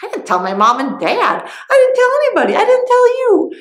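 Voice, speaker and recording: A woman plays Samson, a boastful young strongman in a storybook, teasing and riddling with a lively up-and-down voice. The room lends a roomy echo. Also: extremely high pitch, brisk, voice pushed up, full character voice.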